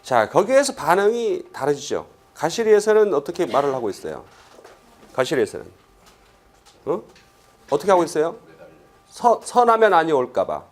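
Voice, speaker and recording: A middle-aged Korean man giving a classroom lecture for exam students, asking quick rhetorical questions and acting out quoted lines. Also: fairly high pitch, wildly swooping pitch.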